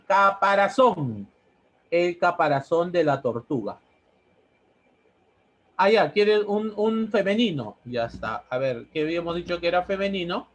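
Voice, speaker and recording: Male teacher, slightly high-pitched voice, explains step by step with repetition. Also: dull audio. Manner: explains step by step, repeating words and asking "¿no?". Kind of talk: classroom grammar lesson.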